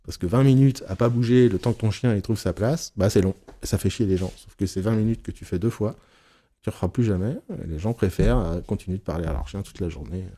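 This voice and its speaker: Frank, animated man with a dark voice. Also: fairly low pitch, fast. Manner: animated, frank, swears casually, acts out examples. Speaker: therapist trainer leading a session. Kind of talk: casual teaching talk. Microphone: recorded live session, on YouTube.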